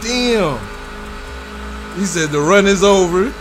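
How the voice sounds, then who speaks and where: Young male streamer, excitable swearing gameplay commentary, high gravelly voice, unhurried pace. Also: over music. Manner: excitable, swearing, frequent laughter. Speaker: gaming streamer.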